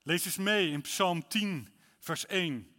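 A man's voice: high-pitched, takes it slowly, pushed and bright. Preaching man in a reverberant hall. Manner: reads scripture aloud with rising intensity. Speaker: pastor. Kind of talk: sermon. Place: church.

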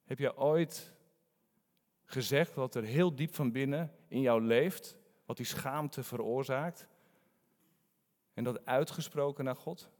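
A man preaching a sermon in a conversational, animated storytelling manner. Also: medium pitch, slow, pauses often, long reverb tail.

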